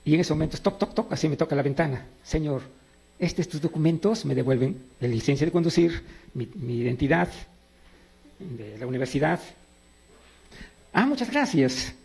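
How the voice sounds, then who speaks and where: An animated middle-aged preacher from Peru mixes personal anecdotes into his sermon and asks listeners questions he then answers. His voice is on the high side, gravelly with a breathy edge, and a little fast.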